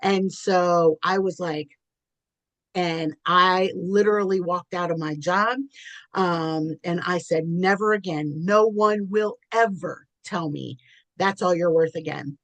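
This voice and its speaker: A woman's voice: fairly low pitch, slow pace, dry recording, rough recording. Candid laughing woman podcast host. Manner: candid storytelling with frequent laughs. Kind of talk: casual chat.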